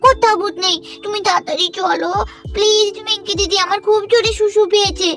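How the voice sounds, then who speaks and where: A woman's voice: very high voice, steady tone, brisk, fairly bright tone. A woman voicing a whiny little sister doll who pleads and tattles. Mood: insistent. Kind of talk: doll play voice acting.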